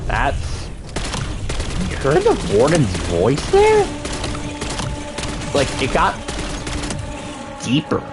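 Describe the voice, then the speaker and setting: A man giving casual gameplay commentary, thinking aloud in a halting, puzzled way. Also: on the high side, wildly swooping pitch, over music. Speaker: gaming streamer.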